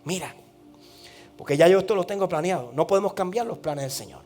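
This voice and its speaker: A man voicing the Lord as a calm, firm presence who reassures a fearful servant. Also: sits high, brisk, faint music behind. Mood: reassuring.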